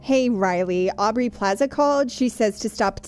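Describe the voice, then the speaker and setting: Woman doing teasing comebacks in a radio skit, soft music behind. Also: fairly high pitch, moderate pace. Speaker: radio co-host. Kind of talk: reading a comedy skit live on radio.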